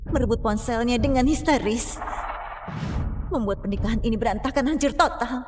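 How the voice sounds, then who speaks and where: A woman voicing a betrayed wife who speaks quietly and guardedly, narrating her own thoughts in a dubbed drama. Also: fairly high pitch, normal speed, lightly acted. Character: wary betrayed wife, anxious and restrained. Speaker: wife and inner-monologue narrator. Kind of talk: dubbed drama dialogue with inner monologue. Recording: reverb with music behind.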